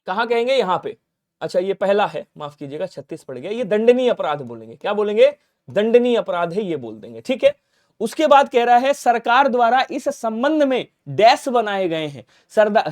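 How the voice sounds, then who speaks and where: A male teacher running an exam-prep grammar lesson in a quick quiz style, asking questions and answering them himself, and dropping to a low aside for reminders.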